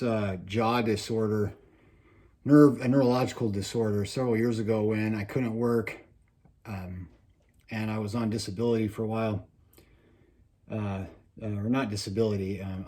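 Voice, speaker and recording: A man presenting a casual how-to vlog in slightly slurred speech, as if wearing a mouthguard, with a faint whistle on his S's and halting pauses to swallow. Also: lowish voice, darkish tone. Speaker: trapping video presenter.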